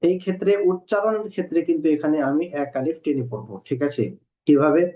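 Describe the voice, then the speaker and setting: A man teaching Quran reading in a recorded lesson, patiently repeating rules and spelling letters out slowly. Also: fairly high pitch, lively intonation. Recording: dull lo-fi recording.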